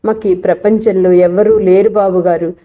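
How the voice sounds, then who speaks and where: A woman voicing a timid, grieving young woman who speaks softly and hesitantly, in a storybook reading. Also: mid-range voice, steady tone, moderate pace, muffled recording, close to an everyday voice. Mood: pleading.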